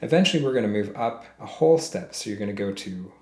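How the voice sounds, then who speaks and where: In a fairly low, animated voice, a man talks quickly through a ukulele lesson, patiently calling out frets and counting beats aloud step by step. The room sounds spacious, and the ukulele playing is loud.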